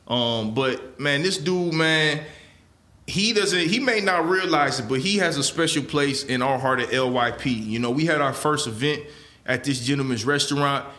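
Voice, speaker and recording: A man hosting a podcast, talking in a relaxed, casual way and often tossing in filler phrases while he speaks. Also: mid-range voice, moderate pace. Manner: laid-back, repeats "man" and "you know what I'm saying". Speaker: podcast host.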